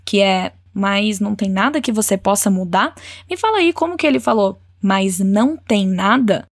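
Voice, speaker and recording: Woman teaching spanish, says phrases slow and clear, cheers you on, dry close sound. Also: medium pitch, expressive, no room sound. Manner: encouraging, models phrases slowly and clearly. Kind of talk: language lesson with repeat-after-me drills.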